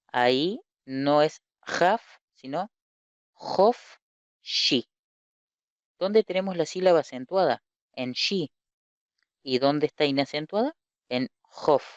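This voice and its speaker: A man teaching an online lesson from slides, speaking deliberately, repeating key terms and asking rhetorical questions. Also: on the high side, darkish tone, clear, resonant tone, no room sound. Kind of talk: online lecture explaining slides. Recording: slightly muffled lo-fi recording.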